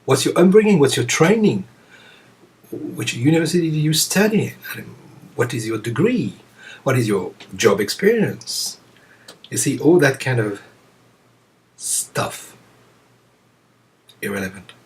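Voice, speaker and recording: A Zen teacher talks slowly and reflectively to his students, breaking often into pauses and quiet chuckles. His voice sits in a middle register, and the microphone picks it up from a little way off. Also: medium pitch, sing-song. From France. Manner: slow, reflective, with frequent pauses and soft chuckles. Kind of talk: dharma talk to students. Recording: voice picked up from a distance.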